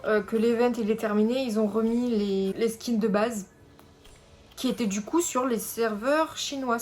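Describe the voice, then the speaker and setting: A woman's voice: a little high, a little hiss or hum. A young woman chatting casually over mobile game summons, rambling with many fillers and self-corrections. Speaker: gaming YouTuber. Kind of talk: casual gameplay commentary.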